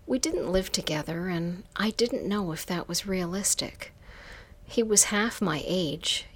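Slow, low-voiced woman reading a story. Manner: soft, unhurried, slipping into whispers. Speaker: story narrator. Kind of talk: reading an erotic story aloud.

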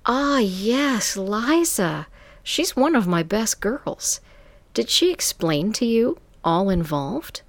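A woman voicing a sultry grown woman who runs a phone business, speaking smoothly and coaxingly. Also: medium pitch, very animated, takes it slowly, no room sound, voice pushed up. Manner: smooth, coaxing, calls people dear.

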